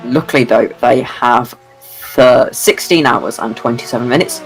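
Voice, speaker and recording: A man's voice: medium pitch, normal speed, faint music behind, low-quality recording. A sleep-deprived man commentating an online endurance race, rambling and self-deprecating. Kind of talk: sim racing commentary.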